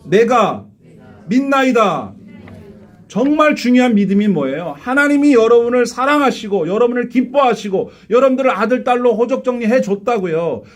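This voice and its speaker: Man, pastor, live church sermon, high voice, very animated intonation, rhetorical questions. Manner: animated, asks the congregation rhetorical questions, acts out quotes. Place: church sanctuary.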